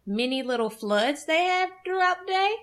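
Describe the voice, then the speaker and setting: A woman podcast guest chatting casually and telling anecdotes in an expressive, giggly manner. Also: high-pitched, normal speed.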